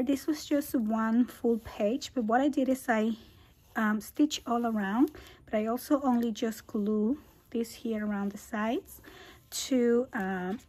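Indoors at a craft table, a scrapbooking channel host walks through her album in a tutorial, her husky, darkish, rather high voice reduced to a hoarse half-whisper as she loses it. She stays casual and chatty, laughing softly between phrases.

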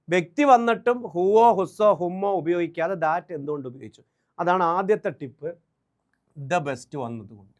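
A man with a Malayali accent giving a brisk exam-prep grammar lesson, drilling English examples slowly and repeating key points. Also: sits high. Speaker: English teacher.

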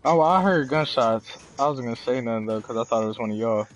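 Young man, medium pitch, informal game chat, slangy, faint noise on the line. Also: fast talker. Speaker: gamer. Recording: noisy game voice chat with clicks.

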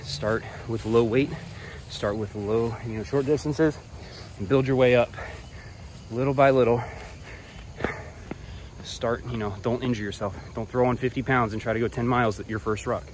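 A man vlogging hiking tips while walking a trail outdoors, relaxed and a bit profane, talking between breaths. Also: medium pitch, normal speed, pauses often, a little hiss or hum. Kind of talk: casual talk while hiking. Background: crickets and insects.

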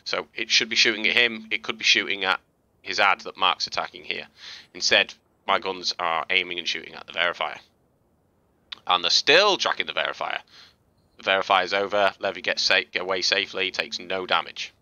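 A man with a low voice and a hard, forceful edge to it talks through gameplay clips in a relaxed, chatty way. He explains as he goes, with plenty of fillers and restarts. The sound is dry and close, with no room around him. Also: brisk, dry recording, lo-fi sound. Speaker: gaming video host. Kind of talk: casual gameplay commentary and tutorial.

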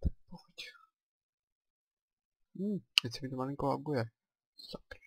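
A man with a Czech accent giving casual let's play commentary, chatty and thinking aloud with excited exclamations. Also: medium pitch, vocal fry, dry recording.

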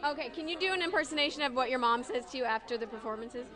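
A woman's voice: high-pitched, rapid-fire, a crowd in the background. A woman reporter interviewing guests in an upbeat, teasing, giggly way. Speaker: entertainment reporter. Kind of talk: red-carpet interview.

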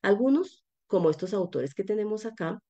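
A woman's voice: mid-range voice, animated, moderate pace, dark tone. A woman giving an online lecture on biblical poetry, explaining step by step with frequent hesitations and restarts. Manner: explanatory, methodical, with many fillers and restarts. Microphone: webinar call microphone.

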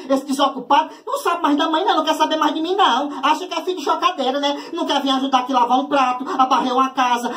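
A man voicing a furious, nagging middle-aged mother in a comedy sketch, with a Ceará accent and a shrill, insult-hurling manner. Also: pushed and bright, far from the mic, full character voice. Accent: Ceará Brazilian.

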